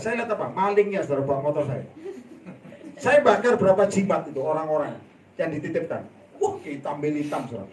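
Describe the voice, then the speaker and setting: A man preaching a sermon in a church hall, telling a story with laughter and sudden loud outbursts. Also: sits high, a little hiss or hum. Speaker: evangelist preacher. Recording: echoey hall, voice from a distance.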